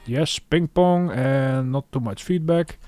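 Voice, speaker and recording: Speaking slowly at medium pitch, a man narrates a screen-recorded music production tutorial in a relaxed way, musing aloud while he works.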